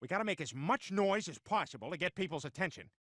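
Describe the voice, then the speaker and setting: An actor playing a dim, blustery middle-aged dad in an animated sitcom, goofy, rambling and blunt. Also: male voice, high voice, fast talker. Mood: scheming, flippant.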